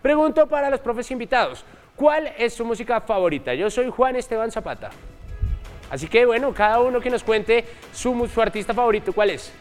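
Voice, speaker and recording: A man's voice: extremely high pitch, fairly quick, faint music behind. A man hosting a children's educational program, upbeat and addressing the guest teachers directly. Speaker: host.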